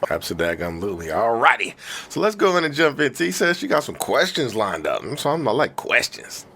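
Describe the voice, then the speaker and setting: A man hosting a podcast in lively casual chat, his voice distorted by audio clipping from a mic recorded too loud. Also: mid-range voice, moderate pace. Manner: energetic, hyped-up delivery. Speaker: podcast host.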